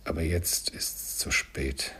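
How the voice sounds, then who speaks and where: A man voicing a miserly old man in an audiobook, swinging between excited cries and hushed sorrow. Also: lowish voice, unhurried, slightly rough, heavily acted. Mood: hushed regret.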